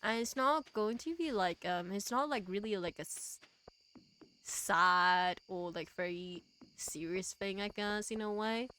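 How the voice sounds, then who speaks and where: A woman's voice: mid-range voice, measured pace, bright, forceful tone. A woman chatting casually on a game livestream as the streamer, rambling with lots of fillers, trailing off and restarting as she talks to chat.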